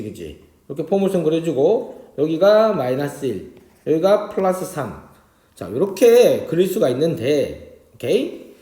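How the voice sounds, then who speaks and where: Animated male math teacher, roomy sound. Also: a little high. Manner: keeps checking in with students with quick tag questions; talks while drawing graphs on a board. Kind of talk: exam problem walkthrough lecture.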